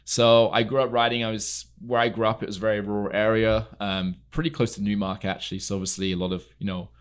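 A man's voice: lowish voice, level tone, fast talker, clean tone. A young man from England, a guest in a studio interview, talking earnestly with many fillers. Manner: earnest, storytelling, frequent fillers. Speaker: podcast guest, equestrian entrepreneur. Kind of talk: casual interview chat. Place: podcast studio.

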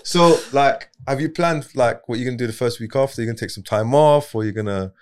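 A man's voice: mid-range voice, fairly quick, a little mellow, smooth. A man with a British accent hosting casual banter, asking questions in a slangy, teasing way. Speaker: podcast host asking questions.

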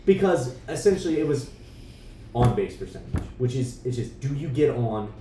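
A man explaining sports strategy in casual chat, thoughtful and steady, with lots of fillers. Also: mid-range voice, moderate pace, echoey room, far from the mic, noisy background. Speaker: podcast co-host.

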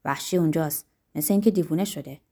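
A hurried, worried grown man, as a woman reader plays him in an audiobook. He talks quickly and lower than the narration, in a mellow tone.

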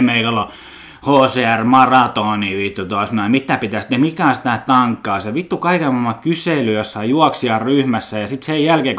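A man's voice: mid-range voice, fairly bright tone. A man with a Finnish accent hosting a podcast, rambling casually in a blunt, joking way, swearing often and tripping over his words. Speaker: podcast host.

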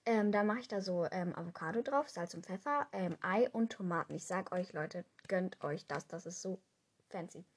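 A young woman co-hosting a casual podcast. She rambles along with lots of fillers, and her voice is strained from shouting. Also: fairly low pitch, expressive, normal speed, slightly rough. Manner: chatty, rambling with many fillers. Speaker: podcast co-host. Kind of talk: casual chat.

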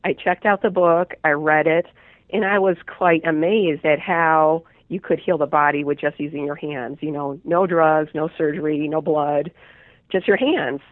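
A woman's voice: low voice, steady tone, a little slow, no echo. An American woman, congested with a head cold, telling her own story as an interview guest. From Chicago, United States. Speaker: podcast guest, chiropractor and business owner. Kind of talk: interview answers, personal storytelling. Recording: narrow tinny phone-like line.

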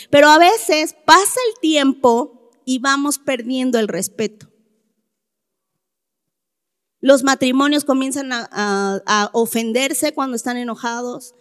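A woman's voice: sits high, fairly bright tone. A woman speaking to a live audience, stretching key words out for emphasis and asking frequent rhetorical questions. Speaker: speaker addressing a church or group audience. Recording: echoey hall.

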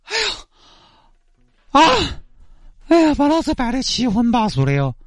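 A man voicing a frazzled, stubborn working woman with a Sichuanese accent who talks in shrill, wailing pleas. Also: wildly swooping pitch, normal speed, no echo, clean studio sound, exaggerated voice. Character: frazzled stubborn woman worker, desperate for attendance bonus.

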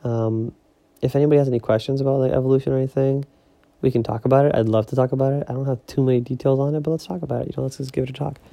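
A young man hosting a casual solo podcast, rambling with lots of fillers and keeping his voice low so he won't wake others at home. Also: steady tone, very fast, creaky, no echo. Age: young adult. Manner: rambling, filler-heavy, talking softly so as not to wake others. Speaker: podcast host. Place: home at night.

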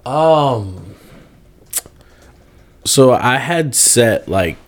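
A man's voice: medium pitch, expressive, extremely slow. A young man co-hosting a casual podcast, joking with playful slang. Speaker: podcast co-host. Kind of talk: casual chat.

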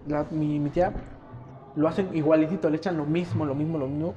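A man's voice: a little high, fairly even intonation, a little fast, warm tone, muffled recording, a little hiss or hum. A young man with a Mexican accent, hosting a slangy casual podcast chat and steering it with questions. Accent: Mexican Spanish. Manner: slangy, asks leading questions, frequent restarts. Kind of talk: casual chat among friends.

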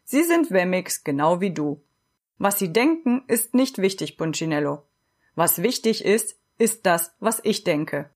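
A woman reading a storybook aloud and voicing a big, kind, bearded old woodcarver who speaks gently and slowly. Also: on the low side, animated. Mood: gentle. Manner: gentle, slow, reassuring.

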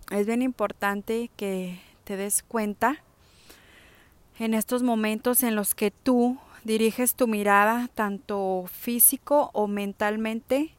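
A woman giving a reflective self-help talk, speaking straight to the listener with pauses and restarts. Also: a little high, dry recording. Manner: addresses listener directly, many fillers and restarts.

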